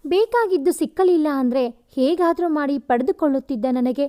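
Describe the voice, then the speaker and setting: A woman's voice: sits high, lively intonation, normal speed, warm tone. Heartbroken young guy begging, lovesick and desperate, woman narrator voicing him. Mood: despairing. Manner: pleading, despairing. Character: grief-stricken young man, pleading and lovesick.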